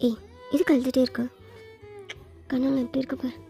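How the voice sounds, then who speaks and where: A soft-spoken young man murmurs close and coaxing, as a woman reader voices him in whispered role-play. The voice is hushed and mellow in tone. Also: sits high, level tone, a little fast, vocal fry, faint music behind. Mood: soothing. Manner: hushed and intimate. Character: tender young man, softly coaxing lover.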